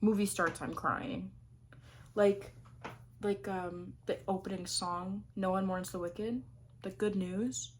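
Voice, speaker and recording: A woman's voice: medium pitch, steady tone, slow, slight background noise. A young adult woman chatting casually to camera about her favorite things of the year, gushing and rambling with plenty of fillers. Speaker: vlogger.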